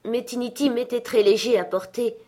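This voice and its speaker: A woman's voice: fairly high pitch, normal speed, voice pushed up, lightly acted. A woman reading aloud gives voice to a grieving mother of a poor family, who speaks steadily while holding back sorrow. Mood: tender, grieving. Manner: steady voice with a thin cheerfulness.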